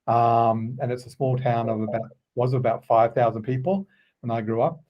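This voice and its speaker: A man around sixty with an Australian accent, a guest telling stories in a relaxed, halting way with many ums. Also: mid-range voice, highs cut off. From Queensland, Australia. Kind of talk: casual interview chat.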